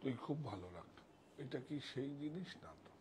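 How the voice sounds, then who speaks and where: A man's voice: medium pitch, very animated, brisk, noisy background. A man selling saris on a live stream, chatting with viewers and directing helpers off to the side. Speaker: sari seller on a live sale.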